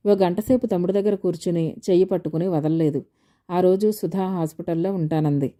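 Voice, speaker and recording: This is a woman reading a novel aloud as an audiobook narrator. Her voice sits a little low and sounds very warm and mellow. She tells the story at a steady pace and gives the characters' lines a light touch. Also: brisk.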